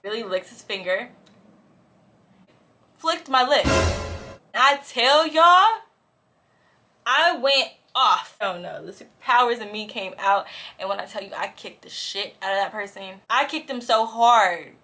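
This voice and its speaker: A young woman vlogger chatting casually through a storytime as she gets ready, animated and profane, full of "like" and "bro". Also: on the high side, a little slow, pauses often, faint music behind. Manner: animated, swings between loud and hushed. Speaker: beauty and lifestyle vlogger.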